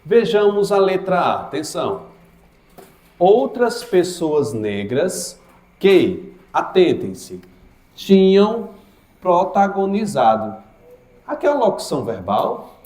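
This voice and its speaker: A man leads an exam prep grammar class with a lively, swinging voice, putting questions to his students and answering them himself. He talks at an unhurried pace, and the classroom around him rings with echo. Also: sits high. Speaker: teacher. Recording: echoey classroom.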